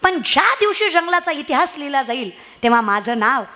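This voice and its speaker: A preacher woman voicing a tiny, brave sparrow from a fable who answers sweetly and firmly. The voice sits lower than her usual talk, yet it stays bright and high-ringing. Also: very animated, moderate pace, exaggerated voice. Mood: resolute. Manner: gentle, firm.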